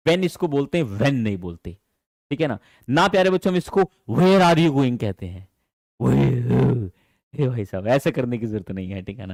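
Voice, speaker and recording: A man teaching an online English class in Hindi, animated and affectionate, calling his students dear children. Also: medium pitch, dry recording, studio quality. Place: teaching from home.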